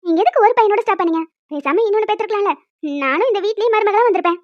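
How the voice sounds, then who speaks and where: A woman's voice: very high-pitched, racing, dry recording. A woman putting on the voice of a cheeky young woman, the wife's playful, teasing sister. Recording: dry, dull lo-fi audio, faint music.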